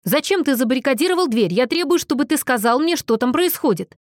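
A woman reading an audiobook, voicing a stern, worried father who demands answers loudly. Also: high voice, expressive, fast talker, dry recording, studio quality, pitched above the performer's own voice. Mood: demanding. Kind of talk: audiobook character voice.

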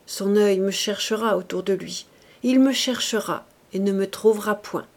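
A woman's voice: medium pitch, very slow, a bit bright. A woman reading the part of an anguished young man declaiming mournful verse, with music behind.

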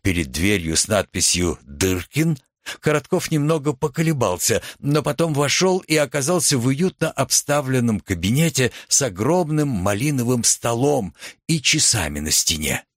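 A man reading a story aloud as narrator, expressive and theatrical. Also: medium pitch, moderate pace, no room sound, studio quality.

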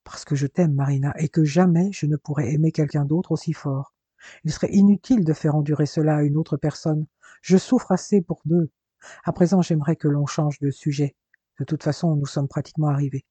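A man voicing a lovesick, sorrowful young man, subdued and pleading, with a husky voice. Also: on the high side, fairly even intonation, fairly quick, dark tone, no room sound. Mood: confessing.

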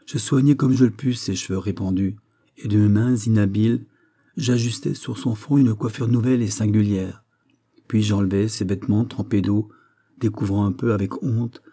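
A man narrating a classic story as an audiobook, in a measured, grave literary reading. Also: lowish voice, mellow. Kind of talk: scripted narration.

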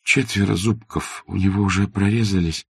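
A man voicing a shy young peasant mother who speaks softly and modestly in an audiobook. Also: sits low, fairly even intonation, moderate pace, vocal fry, husky, dry recording, studio quality, full character voice.

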